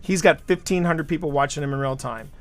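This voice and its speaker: An American man hosts a livestream, rambling through stories and often repeating himself as he chats casually. His voice is a little high and brisk, with faint music behind it.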